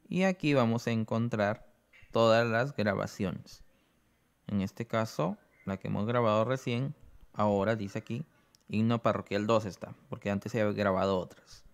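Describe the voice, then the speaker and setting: A man presenting an app tutorial, explaining each step slowly and checking in with the listener. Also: fairly low pitch, vocal fry. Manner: explains slowly, often adds "¿no?".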